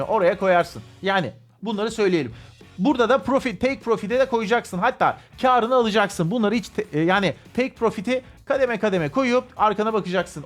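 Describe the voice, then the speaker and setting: High-voiced chatty man over faint music. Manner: chatty, repeats himself, stops to reword. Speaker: crypto analysis host. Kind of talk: casual chart commentary.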